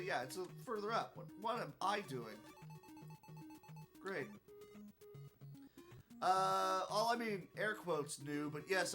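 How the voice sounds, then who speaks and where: A tired, yawning man commentating his live speedrun in a casual style, rambling through joking, self-mocking asides. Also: a little high.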